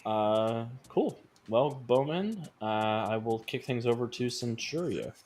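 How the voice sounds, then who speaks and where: A man's voice: mid-range voice, animated, takes it slowly, a little mellow. A man running a tabletop game as game master, casually refereeing and encouraging his players.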